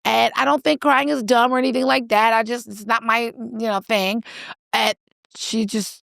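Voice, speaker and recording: A woman co-hosting a podcast tells a long story in easy, casual chat. Her voice sits a little high, with a gravelly, creaky edge. She talks animatedly, swears freely and acts out what people said. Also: steady tone, normal speed, fairly bright tone, dry recording, studio quality. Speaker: podcast co-host.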